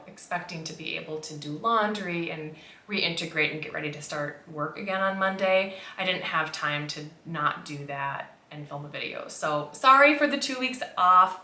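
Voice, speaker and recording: A woman's voice: fairly low pitch, bright, forceful tone. An American woman chatting casually and candidly to camera as a makeup vlogger, in a reflective, conversational way. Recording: roomy, echoey indoor sound.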